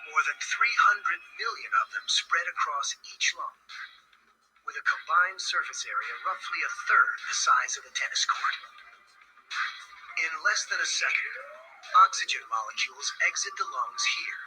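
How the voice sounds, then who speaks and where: A man's voice: fairly high pitch, lively intonation, normal speed, pushed and bright, faint music behind, poor audio. A man giving dramatic, emphatic scripted documentary narration.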